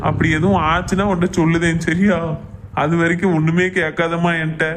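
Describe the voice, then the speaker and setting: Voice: mid-range voice, a little fast, noisy background, close to an everyday voice. Someone voicing an easygoing cartoon son. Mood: reassuring. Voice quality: calm, reassuring. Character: easygoing young adult son, reassuring. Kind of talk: animated comedy voice acting.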